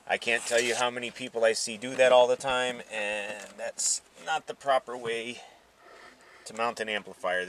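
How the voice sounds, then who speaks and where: This car audio channel host has a medium-pitched voice that sounds pushed and bright. He unboxes equipment casually, musing aloud in an informal way while some noise is audible in the background.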